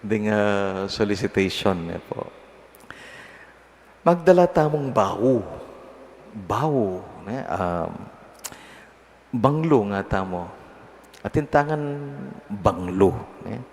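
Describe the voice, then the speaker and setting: A man's voice: on the low side, lively intonation, takes it slowly, long pauses, darkish tone. A middle-aged male priest from the Philippines giving a homily at Mass in a conversational, teasing way, chuckling at his own examples. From Pampanga, Philippines. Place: large church. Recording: long church reverb, faint noise.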